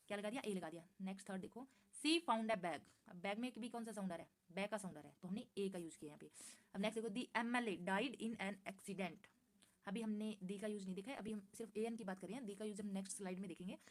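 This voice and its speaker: A woman walks through a grammar lesson from slides. She repeats each point, answers her own questions and reads the English examples slowly and carefully. Her voice sits at an ordinary middle pitch. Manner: patient, repeats points and asks herself questions. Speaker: English teacher.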